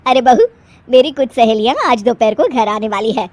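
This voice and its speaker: A woman voicing a bossy, easily offended middle-aged mother-in-law in a cartoon, scolding loudly. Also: fairly high pitch, normal speed, no echo, lightly acted. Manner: scolding, loud. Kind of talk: cartoon voice acting.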